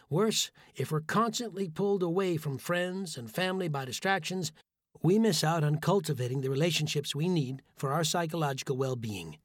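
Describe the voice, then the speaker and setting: A man narrates a first-person essay in a measured, earnest read. His voice sits a little high for a man, and the recording is dry and close, with no room sound. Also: dry recording. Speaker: audiobook narrator. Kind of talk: scripted narration.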